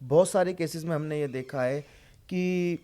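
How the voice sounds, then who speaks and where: Interviewed as a Vastu consultant, a man explains things in an instructive way, often checking in with his listener through "right?" and "isn't it?". He has a warm, fairly high voice and speaks at a normal speed.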